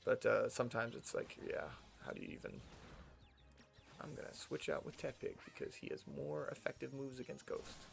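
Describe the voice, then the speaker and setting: A man's voice: medium pitch, animated, moderate pace, vocal fry, faint music behind. A young man with a General American accent, rambling casually to himself while playing a video game. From United States. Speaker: streamer. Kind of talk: casual gameplay commentary.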